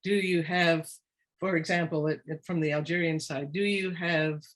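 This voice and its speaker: A woman's voice: low voice, steady tone, moderate pace. A woman presenting in a webinar as an education expert, speaking encouragingly and often restarting mid-sentence. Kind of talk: webinar discussion.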